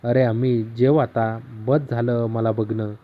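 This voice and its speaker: A man's voice: medium pitch, level tone, slow, close to an everyday voice. A man voicing a teasing, lonely, middle-aged neighbor aunt in a storybook tale, keeping his own plain voice. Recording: slightly dull lo-fi audio.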